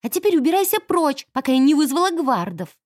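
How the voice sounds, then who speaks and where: A woman's voice: sits high, sing-song, normal speed, darkish tone, no room sound, studio quality. A woman voicing a spoiled, haughty rich young woman who chatters and gossips. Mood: scornful.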